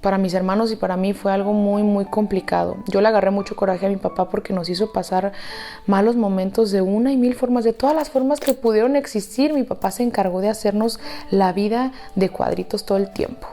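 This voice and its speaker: A woman with a Mexican Spanish accent narrates a storytime in a confiding, dramatic tone, speaking to the listener like a close friend. Her voice sits at an ordinary middle pitch, with soft music faintly underneath. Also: fairly even intonation, fairly quick. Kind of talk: storytime narration over slime video.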